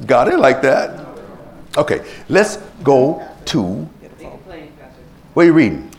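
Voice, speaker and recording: A man preaching a sermon as pastor, telling stories and acting out the people he quotes. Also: slow. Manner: preachy, animated, acts out quoted people in rising pitch. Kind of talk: sermon with anecdotes.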